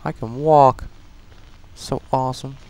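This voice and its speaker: Slow-talking man cursing through a game walkthrough. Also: medium pitch, fairly even intonation. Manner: profane, joking, talks back to enemies; swings from mumbling to loud outbursts. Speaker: gamer doing a walkthrough. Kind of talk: casual gameplay commentary.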